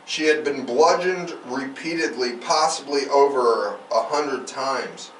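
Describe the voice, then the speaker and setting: A true crime podcast host reads case notes aloud, slipping in casual, irreverent, sweary asides. His mid-range voice is a bit bright and slow, caught on a roomy, distant mic with faint background noise.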